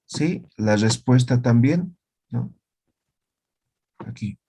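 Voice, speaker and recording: Male teacher, unhurried explaining, mid-pitch voice, keeps asking if the class follows. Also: expressive, gravelly, dark tone, slightly rough. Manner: explains slowly, tagging lines with "¿no ve?" and "¿ya?". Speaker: language teacher. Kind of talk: online class lesson.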